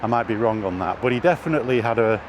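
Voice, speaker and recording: A middle-aged British vlogger walks outdoors in an urban area, racing through his words in an expressive, medium-pitched voice. He rambles casually, thinking aloud and often hesitating. The outdoor recording is noisy with traffic, and street and vehicle noise is clear.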